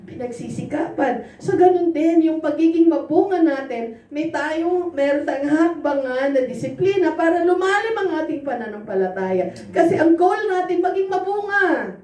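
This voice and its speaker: Very high-voiced laughing woman preacher. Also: normal speed. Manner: animated, laughs often, acts out quoted dialogue. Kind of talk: sermon with personal storytelling. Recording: roomy echo, voice from far off.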